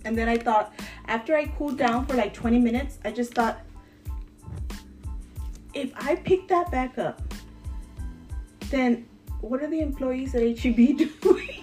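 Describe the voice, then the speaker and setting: A woman co-hosting a podcast, telling a rambling story in an animated way and laughing often. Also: high-pitched, a little slow, pauses often, faint music behind. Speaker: podcast co-host. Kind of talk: casual chat, storytelling.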